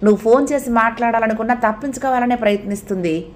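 A woman reading the lines of a frank young woman calmly reasoning with her friend. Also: fairly high pitch, quick pace, close to an everyday voice. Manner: calm, reasoning, blunt.

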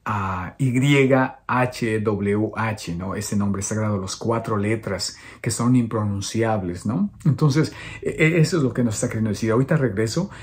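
A male priest giving a homily that explains a scripture reading. He talks in a deliberate, searching way, often pausing to check in with his listeners. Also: lowish voice.

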